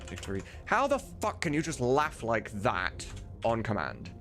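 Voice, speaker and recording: Working on his game mod live, this streamer talks informally and swears, often muttering to himself. His medium-pitched voice swoops wildly, though his pace is measured. Music and the clatter of a keyboard run in the background.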